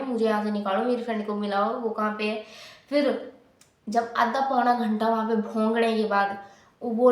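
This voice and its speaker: A woman's voice: medium pitch, a little mellow, roomy sound. Heated young woman telling a story. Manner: candid, heated storytelling that breaks off and restarts. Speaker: vlogger. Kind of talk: storytime vlog.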